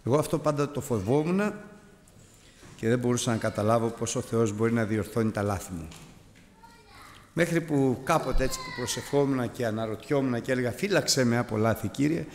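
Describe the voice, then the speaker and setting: A man preaching a sermon, animated, climbing to high exclamations and dropping low as he tells a story. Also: big-room sound, a little hiss or hum.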